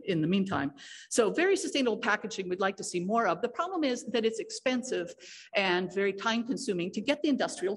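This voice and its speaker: Woman giving a technical conference talk. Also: medium pitch. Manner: explanatory, with frequent fillers and restarts. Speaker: conference speaker. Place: lecture hall.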